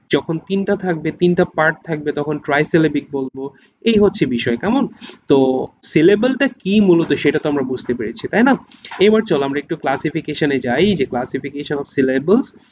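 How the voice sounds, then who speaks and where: A man gives a patient grammar lesson, checking often that his students follow. His voice sits a little high. The recording is slightly dull, with a faint hiss behind him. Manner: explains patiently, keeps checking in with rising questions. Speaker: English grammar teacher. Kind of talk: spoken classroom lesson.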